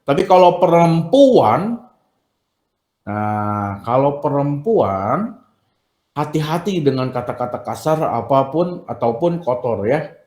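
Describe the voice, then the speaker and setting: A man's voice: fairly high pitch, big pitch swings, takes it slowly, darkish tone. Echoey-roomed male teacher. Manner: chatty, acts out polite phrases. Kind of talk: online class lecture. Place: room at home or school, video meeting.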